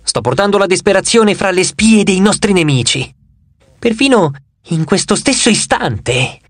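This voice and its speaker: A man doing a silky she-demon from an audiobook, purring and mocking as she toys with her listener. Her voice lifts a little above a plain man's tone, lively and shifting, recorded dry and close. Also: sits high, normal speed, no echo, full character voice. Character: seductive female demon, mocking and sly.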